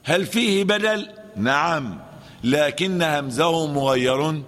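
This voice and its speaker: Egyptian sheikh teaching in a reverberant hall. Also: male voice, on the high side, expressive, slow, a bit bright. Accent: Egyptian Arabic. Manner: asks and answers his own questions, repeats key terms. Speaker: sheikh teaching Quran recitation rules. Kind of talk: classroom lesson with chanted recitation examples.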